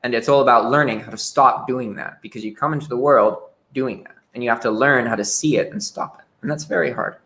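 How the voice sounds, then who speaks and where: A man's voice: mid-range voice, fairly quick, hardly any pauses, fairly bright tone. Man, young adult, podcast guest, casual talk, frank, repeated false starts. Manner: frank, repeats words when starting sentences. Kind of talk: casual interview chat.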